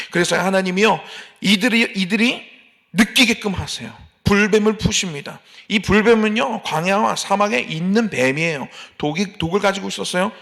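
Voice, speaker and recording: A man preaching as pastor in a church sanctuary at an early morning service rises to emphatic appeals and mimics grumbling believers. He has a high-sitting, slightly bright voice with vocal fry.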